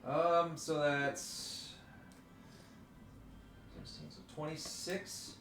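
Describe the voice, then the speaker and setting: An easygoing man playing a tabletop game, quick to laugh. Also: on the high side, little pitch movement, gravelly, a bit bright. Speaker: player. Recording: roomy room with faint music.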